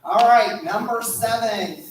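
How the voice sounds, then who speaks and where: A woman's voice: a little high, takes it slowly. A woman acting as pronouncer at a school spelling bee, patiently giving the rules and calling each word, often checking with "okay?". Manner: patient, instructive, repeats "okay?". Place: school room. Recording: echoey room from far off, faint noise.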